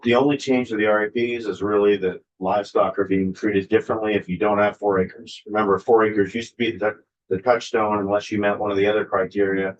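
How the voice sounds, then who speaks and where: A man with a fairly low voice gives a direct, plain explanation to a committee. The audio is dull and muffled. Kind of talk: clarifying testimony.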